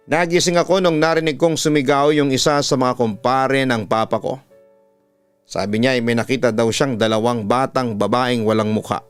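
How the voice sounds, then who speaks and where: With music running behind him, a Filipino-accented man narrates a listener's horror letter as host of a listener-story channel and radio announcer. His voice is medium-pitched, clear, and resonant, with no echo.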